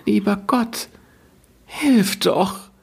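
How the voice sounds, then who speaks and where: A man's voice: a little high, big pitch swings, a little slow, pitched above the performer's own voice. A man voicing a young girl in a storybook reading, frightened but brave. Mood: desperate.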